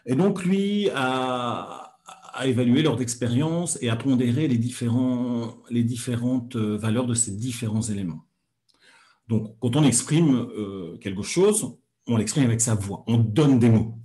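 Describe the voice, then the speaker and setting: Man, hypnosis teacher, mellow voice, calm, hesitant, lots of fillers, mid pitch. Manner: hesitant, many filler pauses. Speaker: hypnosis teacher hosting a weekly channel. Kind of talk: calm teaching talk on a livestream.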